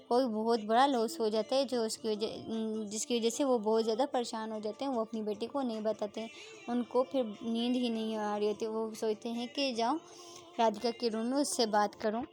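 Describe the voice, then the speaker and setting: A woman's voice: a little high, darkish tone. A woman storyteller narrating casually, rambling, repeating phrases and restarting names.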